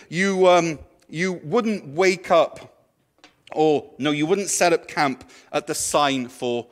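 A man, preaching a sermon to his church in a conversational, playful way. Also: fairly high pitch. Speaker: pastor.

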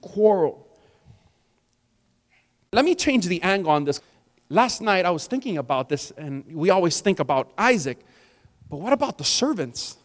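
A man in his forties preaching a sermon in a conversational style, rising to emphatic peaks. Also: sits high. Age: 40s. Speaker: pastor. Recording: long hall reverb.

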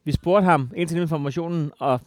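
Man, podcast co-host, argumentative, pointed questions, fairly high voice. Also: no echo. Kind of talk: heated casual debate.

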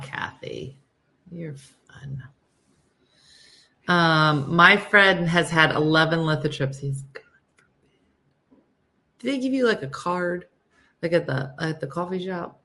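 A woman with a slightly low voice hosts a casual livestream. She sounds listless and low on energy, and she talks to her viewers in a dry, deadpan way. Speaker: host of a morning livestream show.

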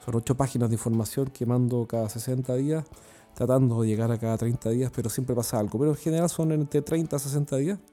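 A man's voice: mid-range voice, fairly even intonation, quick pace, mellow, faint music behind. A man with a Chilean accent hosting a solo podcast, talking in a chatty, earnest way with many fillers and restarts. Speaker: podcast host and sales consultant.

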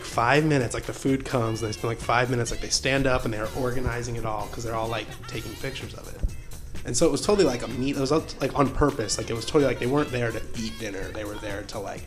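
A man hosting a relaxed podcast talk, telling stories in a lively, rambling way with lots of fillers and frequent laughter. His voice sits at a middle pitch. Music plays clearly behind him. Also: quick pace. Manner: animated storyteller, laughs often, many fillers. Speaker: podcast host. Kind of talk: casual chat.

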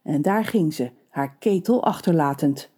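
Playful, mellow-voiced female storyteller. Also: low-pitched, measured pace. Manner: playful, expressive. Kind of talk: scripted story narration.

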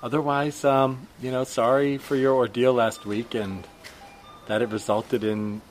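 A man playing a blunt, probing woman shopper and young mother who questions a stranger with deadpan persistence in an improvised comedy scene. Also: mid-range voice, a little slow, faint music behind, natural voice. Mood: polite.

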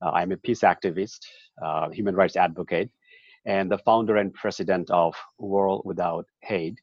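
A man from Bangladesh introducing himself on a panel in a measured, deliberate way. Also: low-pitched, fairly even intonation, husky, no room sound. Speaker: panelist, activist. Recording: dull lo-fi sound.

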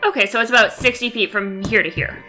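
A woman's voice: medium pitch, fast, pushed and bright. A woman chatting casually as a player in a tabletop game. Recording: echoey room with background music.

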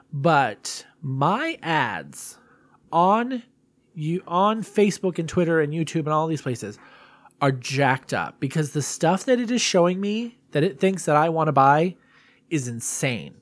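A man's voice: fairly high pitch, sing-song, unhurried, no room sound. A man hosting a solo podcast in a casual, confessional way, rambling and self-deprecating. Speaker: podcast host.

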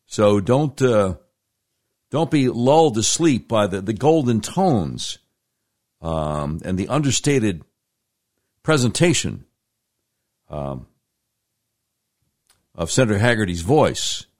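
A man's voice: on the low side, very animated, darkish tone. An American man giving conversational political commentary as a talk show host, leaning on words and repeating them for emphasis. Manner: emphatic, drawn-out delivery with deliberate repetition.

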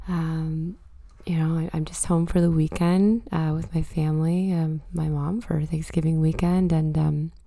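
A woman hosting a casual spoken monologue, hoarse and raspy from a cold, talking thoughtfully with many fillers. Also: sits low, little pitch movement, a little slow, warm tone. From Canada. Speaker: podcast host.

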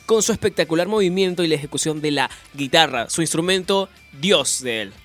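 Young male co-host from Peru, high voice, enthusiastic and jokey, casual chat. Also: brisk, a bit bright, soft background music. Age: young adult. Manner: enthusiastic, playful complaining. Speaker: student radio co-host.

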